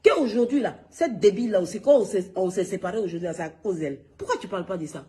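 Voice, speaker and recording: On his gossip livestream, a man speaks quickly in a high, mellow voice, ranting heatedly into his phone, hammering points through repetition and addressing his viewers directly.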